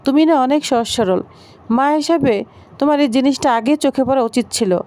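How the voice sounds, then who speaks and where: Brief: fretful, short-tempered father, as a woman narrator reads him, high and plain. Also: normal speed, darkish tone, close to an everyday voice. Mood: worried. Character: worried, irritable father.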